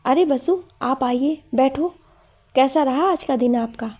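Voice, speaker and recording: A gentle older lady neighbour, as a woman narrator puts her on, fond and hospitable in a storybook reading. Her voice is husky and soft, with a pitch that sits a little high for a woman. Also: slow.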